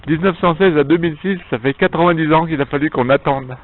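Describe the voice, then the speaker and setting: A man's voice: a little high, fast talker. A man speaking an improvised, emphatic monologue to viewers, with repeated phrases, his voice echoing around a stone arcade. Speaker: vlogger filming himself on a visit. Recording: echoing stone arcade, dull narrow sound.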